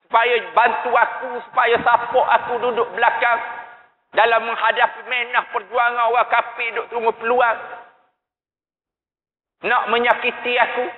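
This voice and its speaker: A man's voice: very high voice, flat delivery, normal speed. Male mosque preacher; emotive storytelling, roomy echoey hall. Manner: emotive storytelling, rhetorical questions to the congregation. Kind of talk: evening sermon with Quran recitation. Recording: echoey mosque hall over tinny lo-fi sound.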